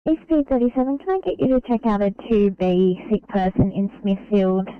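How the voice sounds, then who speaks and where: A woman's voice: medium pitch, expressive, moderate pace, smooth, no echo. A woman working as an emergency dispatcher over a two-way radio, handing out jobs with polite, businesslike requests. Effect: heard over a two-way radio. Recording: tinny phone-like radio transmission.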